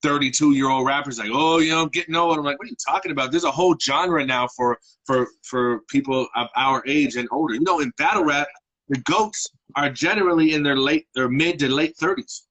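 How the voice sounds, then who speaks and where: A man in his thirties hosting a live interview, talking in a relaxed, rambling way. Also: on the high side, fairly quick, low-quality recording. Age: 30s. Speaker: podcast host. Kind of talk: casual interview chat.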